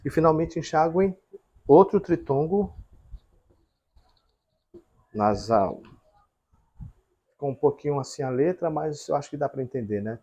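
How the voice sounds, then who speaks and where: Man, husky voice, whiteboard lesson, step-by-step explaining. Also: fairly high pitch, animated, unhurried, pauses often, warm tone. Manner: explains step by step with frequent check-ins. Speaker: teacher.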